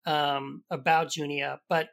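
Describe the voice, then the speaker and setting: A man co-hosting a podcast, giving an emphatic, animated rebuttal to a video clip. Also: on the high side, takes it slowly, vocal fry. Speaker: podcast co-host.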